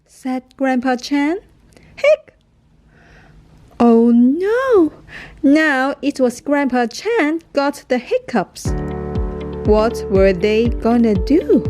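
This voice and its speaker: A woman reading a picture book aloud for young children, expressive and asking her listeners questions. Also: sits high. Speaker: children's story reader. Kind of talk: slow storybook read-aloud for kids.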